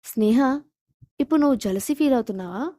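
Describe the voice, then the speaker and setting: A curt, commanding young husband from an audio storybook, read out by a woman narrator. He gives sharp, clipped orders. The voice sits somewhat high and sounds dry and close to the mic. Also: expressive, a little fast, dry recording. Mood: gentle teasing. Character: young man, stern protective husband.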